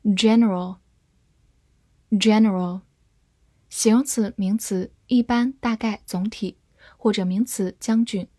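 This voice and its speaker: A woman teaching English vocabulary, reading each word slowly and carefully in a scripted lesson. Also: mid-range voice, steady tone, dark tone, no echo.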